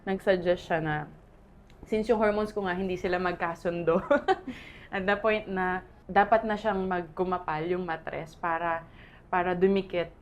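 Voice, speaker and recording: A woman's voice: lowish voice, fairly even intonation, unhurried. Filipino woman, thirties, candid testimony, laughs often, faint background noise. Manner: candid, laughs often through painful memories. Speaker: guest sharing testimony. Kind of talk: emotional personal testimony.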